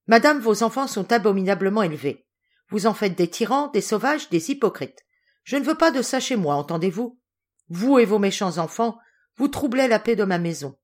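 A woman's voice: lowish voice, big pitch swings, unhurried. Grumpy old general barking at people, woman reading it. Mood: angry scolding. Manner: harsh, scolding. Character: stern, irascible old male general.

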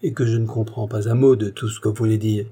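A young noble officer who speaks with stiff, formal courtesy, as a male narrator puts him on. The voice is husky and mellow. It is an audiobook reading. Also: fairly low pitch, steady tone, quick pace. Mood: courteous. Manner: courteous, formal, then impatient.

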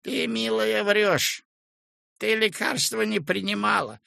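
Man putting on a stern male medic, scolding, high and forceful, gravelly. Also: animated, measured pace, no room sound, clean studio sound, full character voice.

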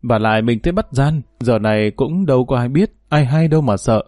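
A man's voice: mid-range voice, fairly quick, dark tone, no room sound, clean studio sound, soft background music, natural voice. A man voicing a harsh, bullying older mother-in-law who scolds and threatens. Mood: scheming.

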